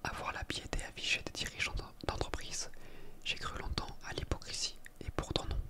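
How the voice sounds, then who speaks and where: A person reading a book aloud for ASMR in a soft library whisper, sometimes stumbling over words and correcting themselves. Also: fairly quick. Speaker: ASMR reader.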